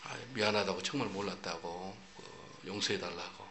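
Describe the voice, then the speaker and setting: A man preaching a sermon, telling a personal testimony in an animated storytelling way and acting out what he once said. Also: low-pitched, moderate pace, roomy sound. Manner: animated storytelling, acts out his own English quotes.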